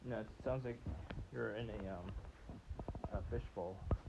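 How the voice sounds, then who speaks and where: A man's voice: lowish voice, moderate pace, vocal fry. Man muffled as if inside a fishbowl. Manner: fiddling with gear, testing his mic. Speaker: livestreamer. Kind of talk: casual live-stream chat. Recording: muffled wet phone mic with hiss.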